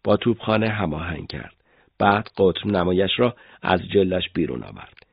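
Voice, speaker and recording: A man with a husky voice narrating a war memoir as a scripted story in an even storytelling manner. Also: fairly low pitch, no echo, lo-fi sound.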